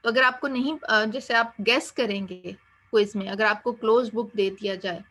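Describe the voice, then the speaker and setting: A woman's voice: fairly high pitch, breathy edge. A woman giving an encouraging Islamic course lecture, slipping English phrases into her talk. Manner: gentle, encouraging, mixes English into Urdu. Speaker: Islamic studies teacher.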